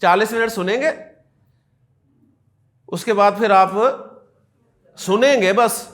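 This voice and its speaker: Pakistani urdu accent guy teaching arabic grammar, highish voice, lively and jokey, says the word endings over and over. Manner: lively, repeats word endings aloud, jokes with students. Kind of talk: classroom lecture.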